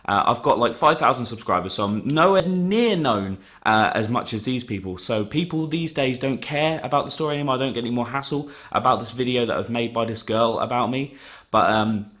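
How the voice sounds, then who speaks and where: A man's voice: medium pitch, expressive, fairly quick, a bit bright. A man sending a question to a show, explaining at length in a casual, hesitant, apologetic way. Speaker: listener sending a video question.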